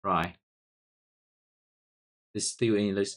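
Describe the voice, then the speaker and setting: A man hosts a screen-recorded coding tutorial, speaking with a Vietnamese accent; Vietnamese is his first language. His lowish voice has fairly even intonation and a fairly bright tone, and he talks haltingly, repeating words while typing commands.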